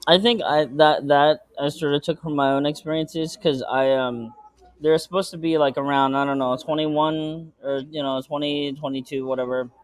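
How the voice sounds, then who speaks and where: A man's voice: mid-range voice, no echo. Man, filmmaker guest, hesitant, lots of ums, dry close sound. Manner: hesitant, with many ums and careful restarts. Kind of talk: casual interview answers.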